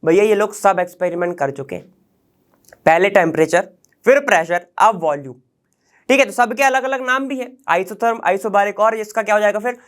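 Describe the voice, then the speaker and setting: A man's voice: high-pitched, normal speed. A man teaching a chemistry lecture for exam prep. He talks casually, mixes in English science terms, and keeps asking rhetorical questions and checking that students follow. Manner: conversational, peppers with rhetorical questions and "okay?" checks.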